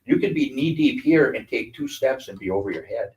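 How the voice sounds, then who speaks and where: An older man from Wisconsin giving a talk, telling lively stories and acting out the voices of the people in them. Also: medium pitch, fairly quick, dull audio. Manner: animated storyteller acting out quoted voices. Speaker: guest speaker. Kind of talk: storytelling talk. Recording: voice from a distance.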